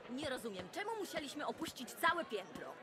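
A woman's voice: high-pitched, sing-song, fairly quick, noisy background. A woman voicing a resentful, sarcastic resident who grumbles in a dubbed video game. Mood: bitter, grumbling. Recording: crowd murmur behind the voice.

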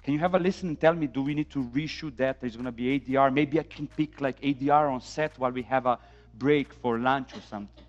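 A Serbian man in his thirties, speaking with a Serbian accent, gives an informal and emphatic conference talk about film sound from the stage of a dim indoor room. His mid-range voice moves quickly, and he is animated, stressing points and posing rhetorical questions. The event recording is dull and lo-fi, with music.

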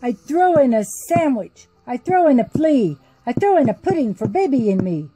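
A woman's voice: high-pitched, big pitch swings, normal speed, warm tone, husky, dry recording, soft background music, pitched above the performer's own voice, exaggerated voice, rough recording. A woman doing a grumpy old witch. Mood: chanting. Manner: chants rhyming spells.

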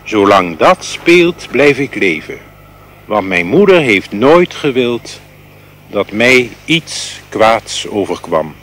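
A man's voice: fairly low pitch, big pitch swings, slow, a bit bright, heavily acted. A man voicing a bashful, tender-hearted old king in a fairy tale. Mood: soft, shy.

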